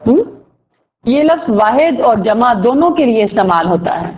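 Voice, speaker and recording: A woman's voice: a little high, sing-song. Woman teaching a class. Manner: asks the class questions and praises answers. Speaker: Quran vocabulary teacher. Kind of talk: classroom lesson explaining word roots. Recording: dull lo-fi recording.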